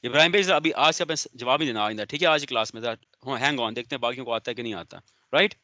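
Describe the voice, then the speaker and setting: Male law lecturer, bright forceful tone, stern and sarcastic, dry close sound. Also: medium pitch, fast, no room sound. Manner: stern, sarcastic, calls on students by name. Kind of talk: online lecture, scolding and explaining.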